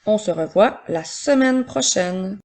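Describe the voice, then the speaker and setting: A woman teacher giving a slow, patient spelling and dictation lesson for young children, explaining step by step. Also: mid-range voice, animated, a little mellow. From Quebec, Canada.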